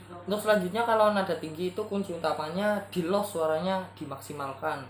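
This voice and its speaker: A man from Central Java giving casual vocal tips as a singer, rambling and searching for words, often clearing his throat. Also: high voice, normal speed. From Kebumen, Central Java, Indonesia. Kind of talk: casual spoken tutorial. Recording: roomy echo, faint background noise.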